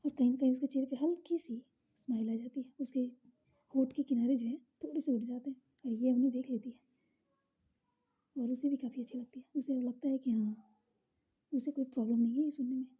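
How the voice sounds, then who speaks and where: Woman storyteller, high airy half-whisper, mellow dark tone. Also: fairly even intonation, brisk, lo-fi sound. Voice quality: soft, breathy, half-whispered. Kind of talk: narrating a romance story.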